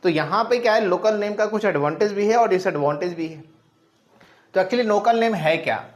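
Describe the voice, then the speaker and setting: A male teacher explaining biology to his students, his voice sitting a bit high. He often repeats himself, poses questions and answers them right away, and drops English technical terms into Hindi sentences. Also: moderate pace, dull audio. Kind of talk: classroom lecture.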